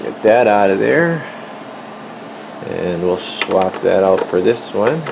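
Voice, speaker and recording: With a fairly low, slow voice and some vocal fry, this video-hosting radio technician casually mutters through a workbench demonstration. He's at an electronics bench in an indoor radio workshop, recorded by a handheld camera behind the lens amid a constant equipment hum.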